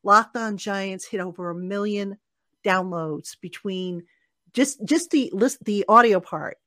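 A man's voice: measured pace, sharp tone, dry recording, clean studio sound. A man hosting a live sports talk show, rambling and self-deprecating, with frequent stammered restarts. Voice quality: high voice, not a radio voice by his own account. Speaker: sports podcast host.

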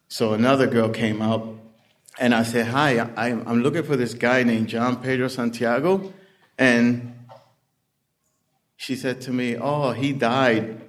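At a recovery meeting, a slow-talking New man of Puerto Rican heritage shares a story in a steady, medium-pitched voice. His conversational storytelling is full of "you know" and acted-out quotes.

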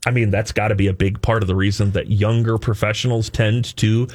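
A man's voice: on the low side, flat delivery, a little fast, a little mellow. A man talking casually and conversationally on a radio talk show.

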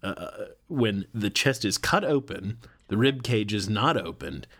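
A man co-hosting a podcast in casual chat, animated and profane, often laughing. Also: fairly low pitch, a little slow, no echo. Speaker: podcast co-host.

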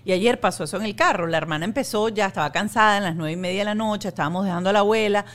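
A woman's voice: mid-range voice, racing. A woman hosting a casual chat, telling a family story and repeating words as she searches for them. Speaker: host.

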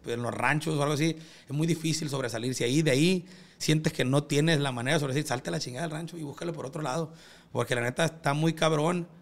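Fast-talking Sinaloan Mexican man, slangy. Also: mid-range voice. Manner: slangy street talk with swearing. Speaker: podcast guest, music label representative. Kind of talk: casual motivational chat.

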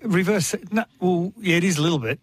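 Co-host: Australian man, a little high-pitched, casual teasing sports banter, matey. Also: fast, husky, no room sound. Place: radio studio.

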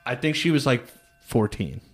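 A man in his thirties co-hosts a podcast, chatting casually with blunt, crude humor. His medium-pitched voice is very animated and moves at a moderate pace, with faint music in the background.

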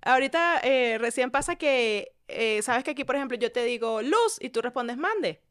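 A woman's voice: fairly high pitch, moderate pace, clear, resonant tone. A Venezuelan woman who is a guest on a podcast, telling parenting stories expressively. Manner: expressive storyteller who acts out quotes. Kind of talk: casual chat.

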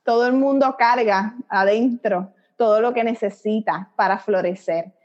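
A middle-aged woman from Puerto Rico, a psychologist and creator of a dance method, is a guest in a conversational interview. She explains her ideas reflectively with little fillers, in a Puerto Rican Spanish accent. Her voice is a little high and darkish, her pace measured, and the audio dull and lo-fi.

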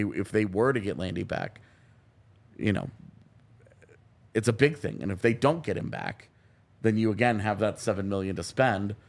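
A man's voice: on the low side, vocal fry. A man talking as a sports podcast analyst, reasoning casually and repeating phrases for emphasis as he builds a point.

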